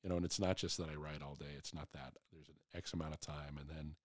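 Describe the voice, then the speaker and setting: Low-voiced reflective man, dry sound. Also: steady tone, fast, no echo. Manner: candid, reflective, rambling. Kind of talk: casual chat.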